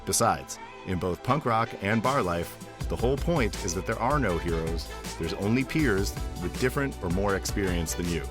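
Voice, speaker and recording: A man's voice: low voice, lively intonation, moderate pace, music in the background. A man in his forties hosting a podcast, telling a scripted story with dry, self-deprecating humor. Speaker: podcast host. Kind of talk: scripted monologue intro.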